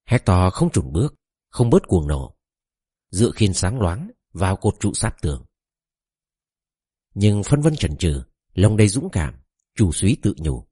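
Man narrating an epic, solemn measured reading, deep husky voice, dry close sound. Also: sing-song, warm tone, dry recording.

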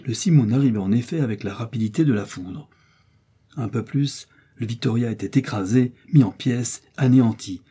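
A man narrating a classic adventure novel as an audiobook, telling it with steady drama. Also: mid-range voice, normal speed, husky. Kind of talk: scripted narration.

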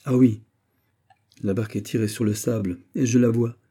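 An exiled young king, calm and commanding, read by a man. The tone is courtly and measured, dark and mellow with a husky edge, like a storybook monarch issuing orders. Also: on the low side. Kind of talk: audiobook character reading.

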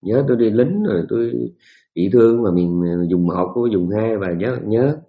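A man's voice: fairly low pitch, expressive, moderate pace, narrow, tinny audio, close to an everyday voice. Dying elderly husband, voiced by a man, insistent retelling. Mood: pleading. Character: dying elderly husband recounting his hardships.

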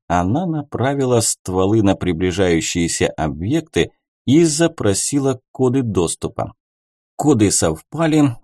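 A man reading an audiobook as its narrator, telling the story in a measured, expressive way. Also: medium pitch, dry recording, clean studio sound. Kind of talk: scripted narration.

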